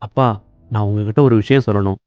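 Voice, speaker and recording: A man voicing a dutiful elder son, quick and firm. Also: fairly low pitch, fairly even intonation, smooth, highs cut off, natural voice. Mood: earnest. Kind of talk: cartoon voice acting.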